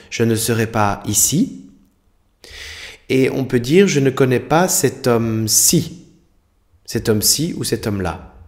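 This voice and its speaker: A man's voice: mid-range voice, a little mellow. A man teaching a French spelling lesson, explaining examples carefully and spelling out letters.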